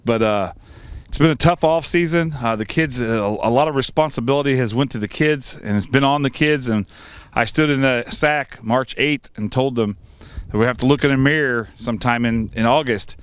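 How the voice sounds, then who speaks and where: A middle-aged American man, a high school football coach, answering pregame interview questions in a plain-spoken way through a face mask. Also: moderate pace, clear, resonant tone, no echo.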